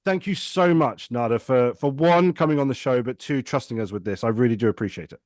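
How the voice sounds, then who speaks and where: A man's voice: mid-range voice, brisk, darkish tone, no room sound, clean studio sound. A man hosting a business podcast, upbeat and enthusiastic as he welcomes his guest. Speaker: host.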